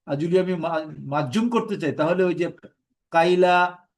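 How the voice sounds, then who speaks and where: Guy teaching a live arabic grammar class, slightly high voice, runs through verb forms one by one. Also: moderate pace, a little mellow. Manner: explains step by step, chants verb forms in lists.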